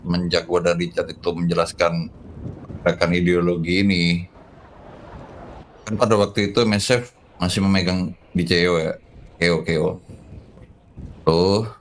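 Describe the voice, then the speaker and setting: A man with a very deep, flat voice recounts events in character for a roleplay game. His delivery is steady and laid-back, with a faint hum behind him. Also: poor audio. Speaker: roleplay player. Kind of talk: in-character storytelling.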